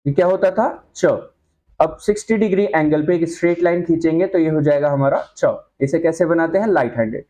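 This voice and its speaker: This man's high-pitched, mellow voice leads a shorthand lesson at the whiteboard. Patiently, he pronounces sample sounds slowly and keeps confirming with questions that the class is following.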